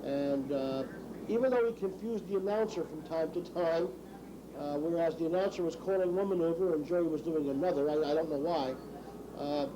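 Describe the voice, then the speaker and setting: A man casually narrating a model aircraft show in a folksy, conversational way. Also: on the high side. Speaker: video narrator. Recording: faint background noise.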